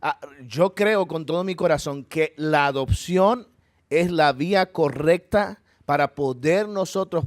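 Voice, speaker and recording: A male pastor with a Puerto Rican Spanish accent speaks in a fairly high voice, giving an earnest, conversational church talk full of asides before leading a closing prayer. Though set in a church hall, the sound is clean studio quality with no echo.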